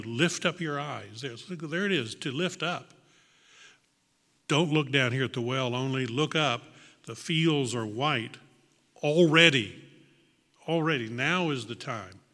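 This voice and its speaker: Reflective and earnest, this preacher addresses his congregation in a bright, pushed voice of middling pitch. Long hall reverb surrounds his words, which he repeats for emphasis amid small restarts.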